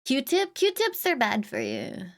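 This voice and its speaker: A woman live streamer chatting casually, humming little filler sounds and greeting viewers with bursts of excitement. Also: high-pitched, slow. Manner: chatty, hums and scats little filler sounds between thoughts.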